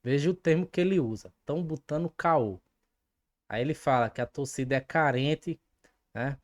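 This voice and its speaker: Low-voiced indignant woman. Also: a little fast, darkish tone. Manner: indignant, emphatic, addresses viewers directly. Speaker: fan channel host. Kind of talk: opinionated commentary vlog.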